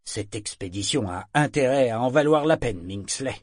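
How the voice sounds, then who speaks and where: A man's voice: medium pitch, animated, normal speed, no room sound, clean studio sound, lightly acted. A man voicing a skeptical wealthy man with a plaintive, grumbling voice. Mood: complaining.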